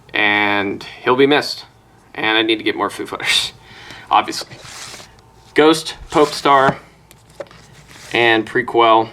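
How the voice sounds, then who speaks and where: A man's voice: medium pitch, sharp tone, slight background noise. A man chatting casually at home, rambling through a list and swearing offhand. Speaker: music collector vlogger. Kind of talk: casual chat listing albums. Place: room at home, close to a wall.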